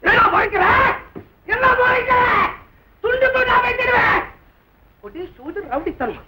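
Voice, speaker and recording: An actor playing a jealous, quarrelsome husband in a film comedy, mocking and shouting in turns. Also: male voice, extremely high pitch, sing-song, heavily acted. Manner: mocking, shouting, quick switches of tone. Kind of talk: 1960s Tamil film acting. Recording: hissy old film soundtrack.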